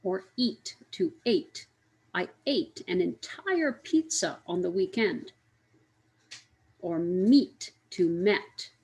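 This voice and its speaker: A woman's voice: fairly low pitch, gravelly, rough recording. A woman teaching an English grammar lesson, speaking carefully, spelling out letters and repeating each example.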